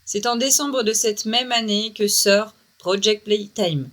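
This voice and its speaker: A middle-aged woman narrates a video game review as its host. Her voice sits at a medium pitch, and music is clearly heard behind her. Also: unhurried, a bit bright.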